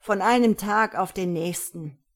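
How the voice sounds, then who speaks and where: A woman's voice: mid-range voice, a little slow, close to an everyday voice. A woman reading an audiobook voices a spry, nervous old lady who meddles in a plot. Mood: scheming. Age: older.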